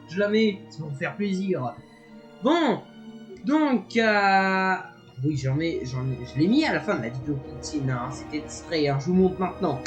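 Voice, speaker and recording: A man introducing his channel's video in a loose, chatty way, tripping over restarts and filler words as he goes. He pokes fun at himself as he talks. Music plays clearly behind him. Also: sits high. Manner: rambling, many fillers and restarts; playful, self-mocking. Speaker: YouTube channel host. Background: background music.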